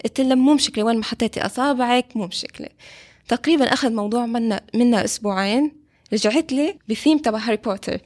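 A woman's voice: on the high side, very fast, darkish tone. A woman with a Levantine Arabic accent, a violin teacher, sharing personal experience in a casual discussion.

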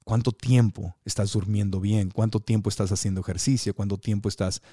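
A man's voice: fairly low pitch, fairly even intonation, brisk, warm tone, breathy edge, no echo, studio quality. A man from Tijuana with a Mexican accent, hosting a motivational podcast and coaching listeners with many questions. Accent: Mexican Spanish.

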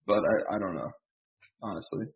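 A man co-hosting a podcast, talking basketball casually with lots of pauses and restarts. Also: lowish voice, highs cut off. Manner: hesitant, many fillers and restarts. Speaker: podcast co-host.

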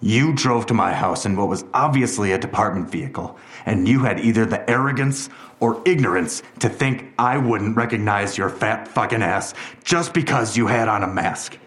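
This is a man voicing a ruthless, self-controlled cop for an audio drama, his natural-sounding voice fairly low yet a touch bright. He speaks with measured, icy menace, and the recording carries noticeable reverb.

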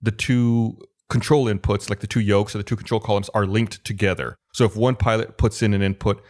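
A man co-hosting a podcast, retelling an aviation accident in a steady, methodical, explanatory way. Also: on the low side, fairly quick. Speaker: podcast co-host presenting the case. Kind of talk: casual podcast chat, narrating an aviation accident.

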